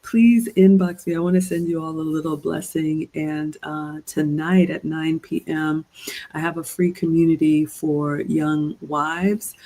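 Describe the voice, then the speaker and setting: A woman's voice: low-pitched, fairly even intonation, measured pace, dark tone, low-quality recording. A middle-aged woman from Ghana, a relationship coach talking straight to her viewers in a livestream, earnest and preachy. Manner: earnest, preachy, addresses "ladies" directly. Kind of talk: livestream commentary with viewer shout-outs.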